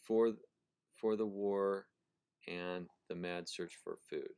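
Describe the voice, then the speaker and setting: A man explaining prose style in a recorded lecture, thinking aloud, correcting himself and slowly repeating phrases to stress their sounds. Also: deep voice, steady tone, darkish tone, smooth. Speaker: professor.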